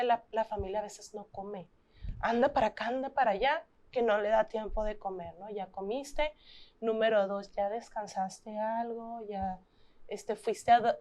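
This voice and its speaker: A woman with a Mexican Spanish accent, speaking as a guest in an interview, gentle and earnest, slowing down for emphasis. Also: mid-range voice. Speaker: thanatologist guest. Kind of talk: interview talk.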